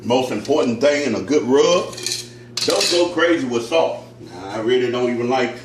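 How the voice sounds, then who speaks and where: A man walks through a casual cooking demonstration in a folksy, homespun way, with plenty of "uh"s along the way. His voice sits at an ordinary middle pitch. It sounds like he is a step away from the mic in an echoey room, with a faint hiss behind him. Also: lively intonation, moderate pace, recorded from a distance. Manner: folksy, homespun talk with many fillers. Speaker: pitmaster.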